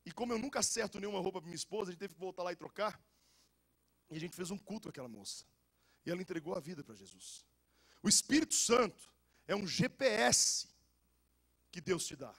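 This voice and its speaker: A young adult man, a pastor with a Goiás accent, preaching a lively sermon full of jokes, stories and casual slang. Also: sits high, brisk, long pauses, breathy edge. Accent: Goiás Brazilian Portuguese. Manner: animated and joking, with casual slang.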